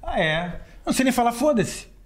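A man's voice: extremely high pitch, very animated, moderate pace, a crowd in the background. A Brazilian man with a Brazilian Portuguese accent, co-hosting a podcast in casual, joking chat. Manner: jokey, playful, teasing. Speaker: podcast co-host.

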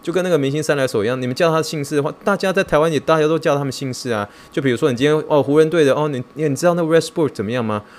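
A man hosting a podcast, talking in a casual, excitable and self-mocking way, mixing in English words. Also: fairly high pitch, racing, hardly any pauses. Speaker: podcast host.

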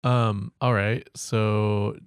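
A woman with an unusually deep voice chats on a casual podcast. She asks patient follow-up questions and explains words in plain terms. Her sound is dry and close. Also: level tone, very slow, clear, resonant tone, no room sound. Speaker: podcast co-host.

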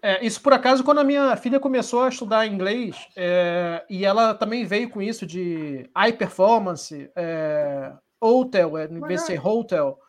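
A man's voice: high voice, moderate pace, few pauses. A man in a casual live-stream chat, telling a story animatedly.

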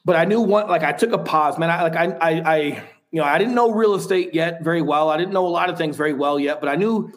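Man, podcast guest, slightly raised pitch, frank and rambling, casual swearing. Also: quick pace, hardly any pauses. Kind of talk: candid personal storytelling.

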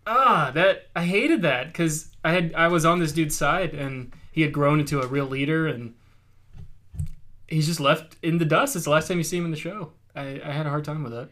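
A man's voice: fairly high pitch, normal speed, pushed and bright. A man co-hosting a casual talk show, earnest and given to trailing off and restarting. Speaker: podcast co-host. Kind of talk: casual chat.

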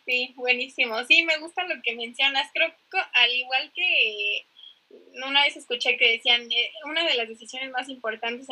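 A woman chats expressively on a faith podcast. Her voice sits high and is very bright and forward, and she speaks in a friendly, conversational way. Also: low-quality recording. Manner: chatty, expressive, laughs easily. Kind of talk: casual faith-based podcast talk.

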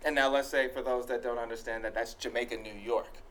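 A man's voice: medium pitch, steady tone, fairly quick, slight background noise. A man hosting a casual studio interview, talking conversationally in short bursts. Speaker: talk show host, interviewer.

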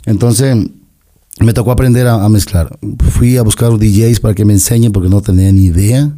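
A man's voice: on the low side, fairly even intonation, brisk, mellow. A middle-aged man from Latin America, a podcast guest telling stories in casual chat and acting out the quoted lines. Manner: chatty, acts out quoted dialogue. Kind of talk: casual storytelling.

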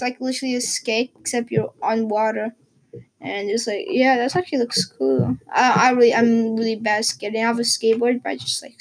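A woman's voice: a little high, vocal fry, a little mellow, low-quality recording. A teenage girl from Portugal, vlogging in a casual, rambling way with lots of fillers and restarts. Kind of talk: casual chat.

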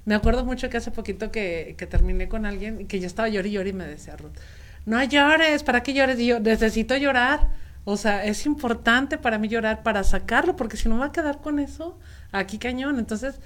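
A woman's voice: on the high side, fast talker. A woman co-host with a Mexican Spanish accent, chatting casually and acting out quoted voices while telling a story. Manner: lively storytelling, quotes others, colloquial. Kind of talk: casual panel talk.

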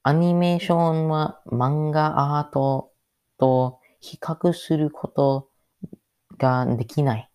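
Very slow-talking man, halting learner's speech. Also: fairly high pitch, fairly even intonation, darkish tone, clear, resonant tone. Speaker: podcast host. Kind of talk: solo podcast monologue.

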